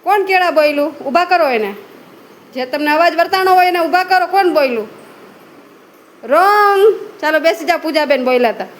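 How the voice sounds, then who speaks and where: A woman teacher giving brisk, repeated commands and quick praise while she leads young children in a guessing game in a room full of kids. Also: sits high.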